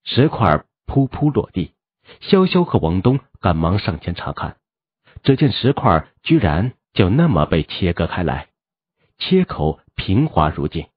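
Male narrator, low, lively, husky, dry close recording, lo-fi. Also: unhurried, no room sound. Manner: animated storytelling. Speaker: audiobook narrator. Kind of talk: expressive novel narration.

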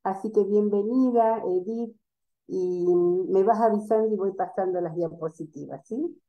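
A woman hosting an online program, thanking guests and introducing the next speaker in a gentle way. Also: mid-range voice, unhurried, dull audio. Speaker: program host.

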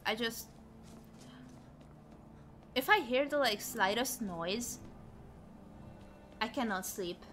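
A woman live streamer giving casual, expressive gameplay commentary and chatting with viewers, exclaiming and swearing freely. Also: a little high, takes it slowly, long pauses.

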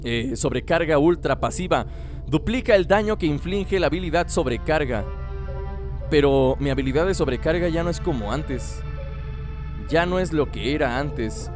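A man's voice: a little high, lively intonation, normal speed, faint music behind. A young man giving chatty, joking let's play commentary, laughing often. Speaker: gaming channel host.

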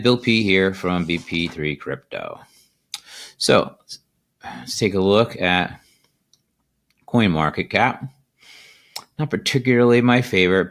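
A middle-aged man with a very low voice hosts an easygoing video from his desk. He rambles loosely, pausing often on "uh" and "um." The sound comes through a plain computer microphone. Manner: relaxed, rambling, filler-heavy. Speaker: crypto video host. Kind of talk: casual market commentary. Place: indoors at a desk.

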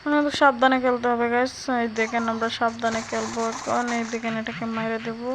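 Excitable Sylheti woman gaming commentator. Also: on the high side, quick pace, noisy background. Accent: Sylheti Bengali. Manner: chatty, excitable, addresses viewers, frequent exclamations. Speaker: gaming YouTuber. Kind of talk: mobile game commentary.

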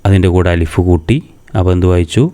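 This Kerala man, a madrasa teacher, has a low-sitting, dark voice and a steady tone. Teaching reading one step at a time, he patiently asks and answers his own questions while saying every sound slowly and repeating it.

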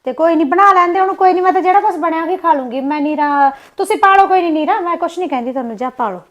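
A woman's voice: very high voice, animated, fairly bright tone, dull audio. A woman with a Punjabi accent acting a young village wife in a short film, complaining and snapping back. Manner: sulky, complaining, quick retorts.

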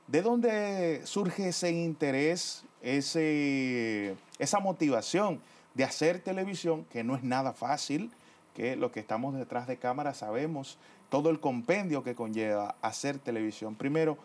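A man's voice: medium pitch, lively intonation, measured pace, darkish tone. A man interviewing a guest on a television program, asking his questions in a friendly, playful way.

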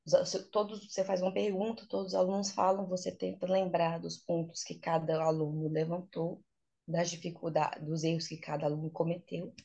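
A woman's voice: fairly low pitch, flat delivery, normal speed, gravelly, warm tone. A woman with a Brazilian Portuguese accent, an English teacher patiently explaining her points step by step in a casual interview. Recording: dull, lo-fi sound.

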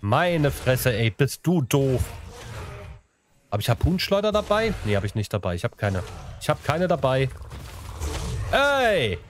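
A man commenting on his own gameplay, chatty and playful, talking to the creatures on screen and to his viewers. His pitch leaps up and down with animated expression. A faint noise sits under the voice. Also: normal speed. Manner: chatty, talks to the animals and viewers, playful sing-song bits. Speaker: let's play host.

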